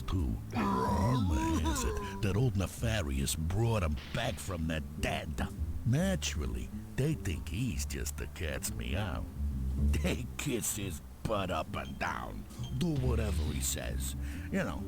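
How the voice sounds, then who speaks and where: An actor playing a seedy, cynical tough-guy bowling alley boss in a cartoon game, gravelly, swaggering and sneering, full of slang. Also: very deep voice, exaggerated voice. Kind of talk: cartoon adventure game acting. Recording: loud music behind the voice.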